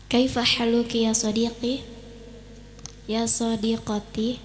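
A woman student reciting a memorized practice dialogue in a slow, flat way. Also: a little high. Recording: distant from the mic, noisy.

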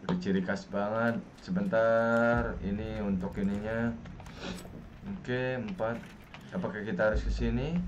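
A man's voice: lowish voice, unhurried. A young man with an Indonesian accent giving casual gameplay commentary as a streamer. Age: young adult. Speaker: gaming streamer. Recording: muffled, noisy with game audio.

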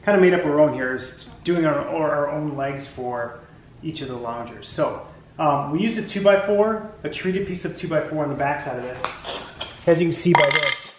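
A man in his forties talks through a woodworking project in a casual, rambling way, full of ums and half-started sentences. His voice sits a bit higher than most men's. It is picked up by a camera mic in a roomy, echoey garage with a faint hum of background noise. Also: normal speed. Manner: relaxed, rambling, many ums and restarts. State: tired. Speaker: DIY channel host. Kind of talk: casual how-to vlog. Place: garage workshop, indoors.

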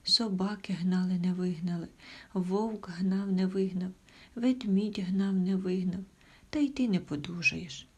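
A woman's voice: fairly low pitch, unhurried, breathy edge. A weepy little hare, voiced by a woman. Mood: tearful pleading. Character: tearful little male hare, timid and pleading.

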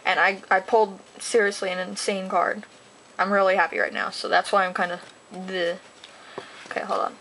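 A teenage girl chatting casually while opening trading card packs, talking fast and rambling excitedly. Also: mid-range voice, slight background noise, rough recording. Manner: gushing, excitable. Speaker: card collector vlogger. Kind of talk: casual unboxing chat.

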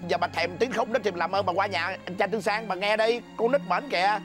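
Comedy sketch: a Southern Vietnamese man as a fast-talking, flustered husband, music bed. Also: high-pitched. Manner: excitable, stammering, quick to protest. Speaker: comic actor playing a drinking husband.

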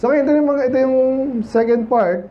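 A high-pitched man with a Filipino accent preaches a Baptist sermon in a conversational way. He asks the congregation for responses and acts out other people in a higher voice. The church recording sounds dull, with faint background noise. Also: a little fast. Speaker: pastor.

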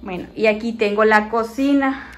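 A woman's voice: on the high side, steady tone, moderate pace. A woman chatting to viewers as she films a tour of her small home on a phone. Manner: chatty, addresses viewers as friends, walking while filming. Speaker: vlogger. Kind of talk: casual house tour vlog. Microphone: phone held in hand.

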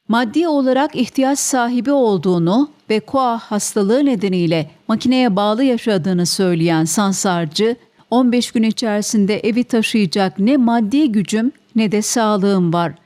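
A woman's voice: a little high, darkish tone. A woman reporter reading scripted news narration as a voice-over.

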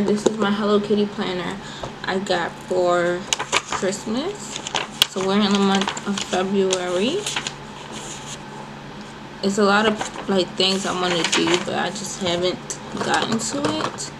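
Heavy noise surrounds this vlogger's mid-range, vocal-fry voice. She's a woman in her twenties chatting animatedly and casually with her "y'all" audience in a small bedroom, first holding her phone camera and then propping it on the desk.

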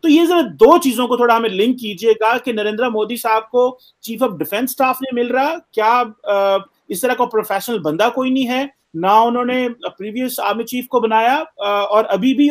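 A man hosting an interview, asking long, polite, winding questions with frequent hesitations. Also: sits high. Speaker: interview host.

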